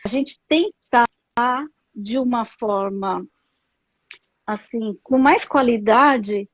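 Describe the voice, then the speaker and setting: This psychologist guest, a woman with a Brazilian Portuguese accent, has a fairly high, slightly breathy voice and speaks thoughtfully on a live video call, using lots of fillers and tag questions. The recording is dry, with dull lo-fi video call audio.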